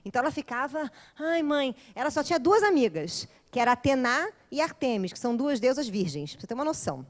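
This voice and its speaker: Playful lady lecturer, jokes around with the class, kinda high voice. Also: big pitch swings, fast talker. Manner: playful, jokey, chatty with the audience. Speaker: course lecturer. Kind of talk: humorous storytelling lecture.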